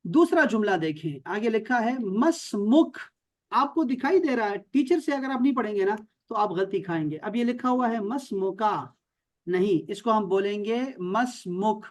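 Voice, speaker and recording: A man's voice: high-pitched, expressive, a little mellow. A man from Pakistan teaching Arabic in an online class, explaining patiently, repeating words and checking that his students follow.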